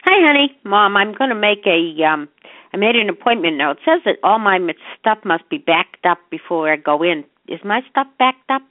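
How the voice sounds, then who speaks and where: A woman's voice: medium pitch, animated, moderate pace, dry recording. Older woman on muffled voicemail. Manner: conversational, scattered, trailing into half-finished thoughts. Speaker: mother leaving voicemails for an adult child. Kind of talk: casual rambling voicemail message. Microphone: telephone. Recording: muffled narrow-band phone voicemail.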